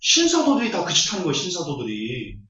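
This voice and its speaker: A man's voice: on the high side, huge pitch swings, fast talker, pushed and bright. A man preaching a Bible lecture, scornful and full of rhetorical questions. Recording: echoey hall, distant, dull audio.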